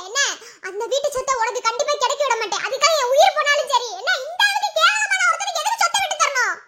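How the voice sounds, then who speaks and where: A woman voicing a defiant young wife who shouts back at a villain in a Madurai Tamil accent. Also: very high voice, noisy background.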